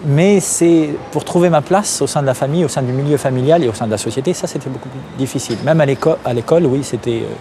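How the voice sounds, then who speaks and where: Man from Algeria, hesitant, mid pitch, loud traffic noise outdoors. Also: quick pace, few pauses. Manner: hesitant, many fillers and restarts. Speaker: interview guest, activist. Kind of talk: candid interview.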